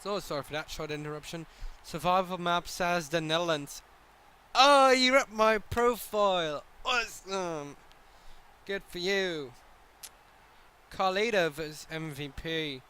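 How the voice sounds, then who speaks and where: Excitable and joking, a continental European man from outside the British Isles swears freely while he commentates a game and answers chat on a live stream. His voice is on the high side at a measured pace, with a bit of hiss or hum.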